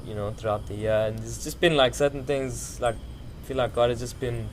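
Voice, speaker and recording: A man's voice: mid-range voice, fairly even intonation, moderate pace, a little hiss or hum. A man chatting casually as a musician in an interview, loose, slangy and rambling. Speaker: musician, podcast guest.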